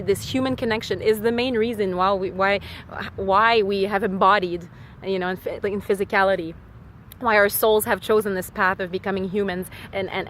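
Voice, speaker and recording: A Quebec vlogger with a Québécois accent and a medium-pitched voice rambles casually, switching between French and English. She's enthusiastic and heartfelt, full of fillers, and there's a little hiss or hum in the recording.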